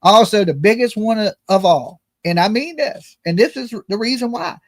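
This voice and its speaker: A man with a high voice hosts a casual livestream show. He speaks in slangy, folksy language and jokes at his own expense as he delivers his commentary. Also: lively intonation, moderate pace. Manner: folksy, joking, self-deprecating, slangy. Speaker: host of a live true-crime commentary and call-in show.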